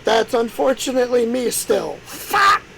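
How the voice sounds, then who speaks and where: A man's voice: very high-pitched, very animated, a little slow, creaky. A man in his late thirties joking and swearing in casual voice chat during a game. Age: 30s. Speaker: game player. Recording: noisy voice-chat audio.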